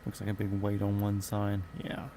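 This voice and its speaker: A man's voice: fairly low pitch, completely flat delivery, moderate pace, warm tone, slight background noise. A man streaming a flight simulator, chatting casually in a rambling, profane, offhand way from his home gaming room at a desk mic. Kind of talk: casual live-stream chat.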